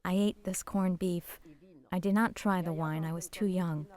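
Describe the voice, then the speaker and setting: Older woman giving halting testimony. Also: fairly low pitch, fairly even intonation, darkish tone. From Poland. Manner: halting, emotional, drops to whispers at painful moments. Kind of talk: personal testimony.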